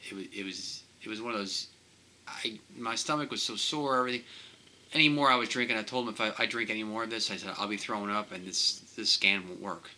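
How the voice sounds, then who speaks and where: Emotional man with a bright, tense voice. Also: on the low side, rough recording. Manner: halting, emotional, repeats himself. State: emotional, composing himself. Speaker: vlogger. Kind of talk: personal recovery vlog.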